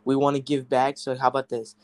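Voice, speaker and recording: A man's voice: medium pitch, monotone, fast, dry recording. A teenage boy hosting a casual podcast, rambling with many fillers and restarts. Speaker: podcast host.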